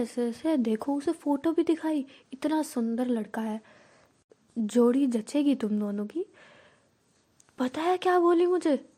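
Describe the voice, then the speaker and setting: A woman's voice: high voice, warm tone. A woman voicing an older female teacher, a gossipy matchmaker who chatters in a scandalized way while telling a story. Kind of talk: storytelling role-play.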